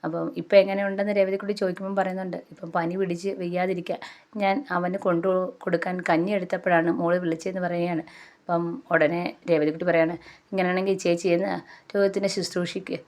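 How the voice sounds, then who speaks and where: A woman's voice: on the low side, flat delivery, quick pace, darkish tone. A woman casually retelling a serial episode, chaining events with repeated linking words and voicing the characters' lines in her own plain voice. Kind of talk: casual spoken story recap.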